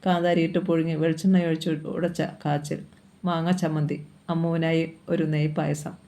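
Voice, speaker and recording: A storyteller reads a short story aloud at a steady, even pace. The voice sounds dark and mellow, and the pitch stays flat and level from line to line. It is plain, scripted narration. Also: a little fast. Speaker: story reader.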